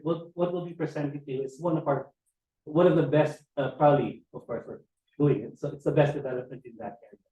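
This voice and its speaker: A man's voice: fairly high pitch, warm tone. A man from the Philippines giving a conversational sales presentation with many fillers. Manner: loose, filler-heavy talk. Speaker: company presenter. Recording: roomy, dull sound.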